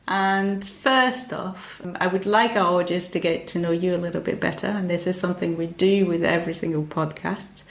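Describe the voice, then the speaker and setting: A woman's voice: fairly low pitch, echoey room. A woman hosting a podcast interview who asks questions in a friendly, structured way. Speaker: podcast host.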